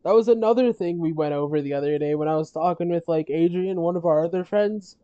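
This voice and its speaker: A streamer chatting casually on a gaming stream, rambling with halting restarts and frequent laughs, their voice worn from talking all day. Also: medium pitch, smooth, no echo, dull audio. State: losing their voice.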